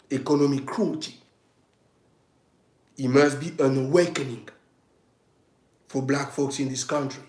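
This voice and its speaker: With a slightly high voice, this African man, calling himself a state governor, rails through a political monologue on a livestream, frequently restarting to press his arguments. The recording is reverberant and of low quality.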